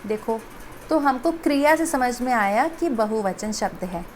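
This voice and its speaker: Woman, schoolteacher, patient explaining, high voice, unhurried, faint noise behind. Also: animated. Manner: slow, patient explaining, addresses children directly. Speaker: school teacher. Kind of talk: Hindi grammar lesson for children.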